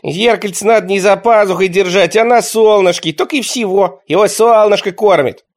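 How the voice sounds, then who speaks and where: A man voicing a brash, cheeky peasant boy who shouts his lines in a storybook reading. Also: high-pitched, normal speed, voice pushed up, natural voice. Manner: loud, shouting.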